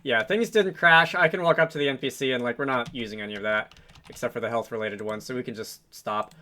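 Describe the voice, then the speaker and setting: A man with a bright, forceful, mid-range voice talks fast while hosting a game development tutorial. It's a casual, unscripted screen recording in which he thinks aloud and muses to himself as he works.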